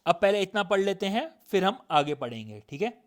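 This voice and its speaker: A man giving a recorded lecture with a sore throat, checking with students through repeated questions and reading definitions aloud slowly. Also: high voice, very animated. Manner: drills points with repeated questions. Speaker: teacher.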